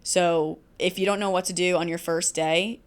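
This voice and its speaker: A woman who teaches barbering, telling classroom stories as a podcast guest, animated, with quick asides. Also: on the low side. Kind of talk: casual podcast conversation.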